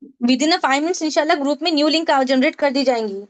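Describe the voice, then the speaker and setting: A woman teaching a Tajweed class online, explaining step by step, asking the class questions and repeating key points. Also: sits high. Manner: explains with questions and repetition, mixes English terms. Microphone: online meeting call.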